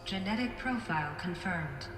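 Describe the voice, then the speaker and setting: A woman voicing a malfunctioning female computer system with a glitching machine voice, giving flat, clipped announcements in a video game. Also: on the low side, normal speed. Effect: glitching synthetic machine voice. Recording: echoey game audio with music behind.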